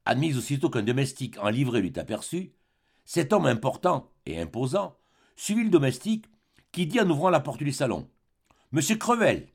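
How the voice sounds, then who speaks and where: Expressive male audiobook narrator. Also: medium pitch, fairly quick, creaky, slightly rough. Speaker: audiobook reader.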